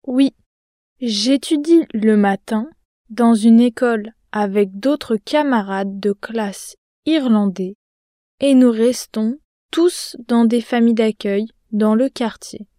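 Woman playing a slow, careful young student. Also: fairly high pitch, warm tone, no room sound, studio quality. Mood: calm. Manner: slow, careful, clearly articulated. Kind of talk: scripted language-lesson dialogue.

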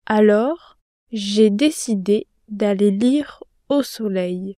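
Actress as a calm young student in a language-lesson dialogue, slow and mellow, dry studio sound. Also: female voice, mid-range voice, dry recording, lightly acted. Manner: slow, careful, clearly articulated.

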